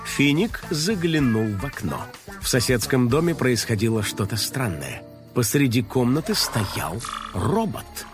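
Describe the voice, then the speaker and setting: A man narrating a children's story in a lively, playful way. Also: mid-range voice, measured pace, music in the background.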